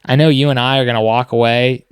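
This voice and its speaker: A man's voice: mid-range voice, steady tone, fast, clean tone, dry recording, studio quality. A man co-hosting a casual business podcast, speaking in an earnest, motivational way. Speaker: podcast co-host.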